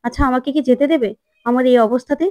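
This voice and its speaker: Desperate young woman pleading fast, woman doing it. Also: high voice, a little mellow, natural voice. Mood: despairing. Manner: urgent begging. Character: frail despairing young woman.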